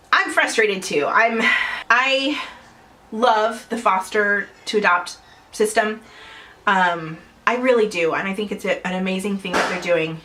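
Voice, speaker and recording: A woman's voice: medium pitch, pushed and bright, rough recording. A young adult woman vlogging at home in casual chat to camera, chatty and rambling with frequent small laughs.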